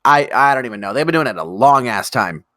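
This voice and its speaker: Excited, rambling man co-host. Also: mid-range voice, fast. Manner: enthusiastic, rambling, swears casually. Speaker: podcast co-host. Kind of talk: casual chat.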